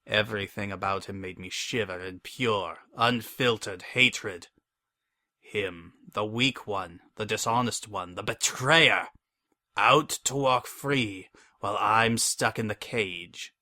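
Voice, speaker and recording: A man's voice: lowish voice, slow pace, pushed and bright, no room sound, full character voice. A man voicing an ancient imprisoned monster, bitter and vengeful, in a hammy, theatrical dramatic story reading. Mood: bitter, seething. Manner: hammy, theatrical stage-actor delivery.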